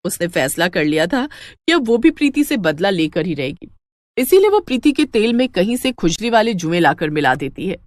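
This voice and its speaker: A woman narrating a storybook cartoon in an expressive, lively way. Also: medium pitch, moderate pace, no echo, studio quality.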